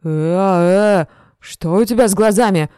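A woman's voice: on the low side, fairly even intonation, normal speed, mellow, no echo, studio quality, close to an everyday voice. A woman voicing a drunk, brutish man who leers and then stammers and begs in terror in an audiobook. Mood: terrified. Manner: stammering, pleading.

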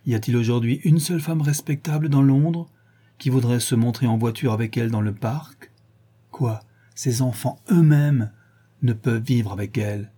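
A man's voice: mid-range voice, dark tone, slightly rough, lightly acted. A man voicing a grave, pleading painter friend. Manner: grave, reproachful, urging. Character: earnest male painter, middle-aged, pleading friend.

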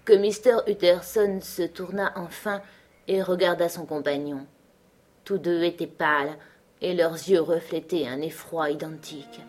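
Lowish-voiced woman reading an audiobook. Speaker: audiobook reader. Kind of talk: scripted narration.

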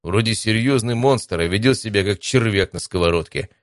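A man's voice: fairly low pitch, moderate pace, dry recording, studio quality, lightly acted. A man voicing a teasing, joking young male adventurer in an audiobook. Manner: teasing, wisecracking. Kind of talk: audiobook character voice.

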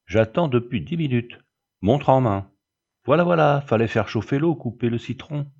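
Man reading as a bullying brute of thirty-five, threatening, dark voice, dull lo-fi sound. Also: medium pitch, animated, normal speed, creaky, breathy edge, voice pushed up. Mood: impatient, menacing.

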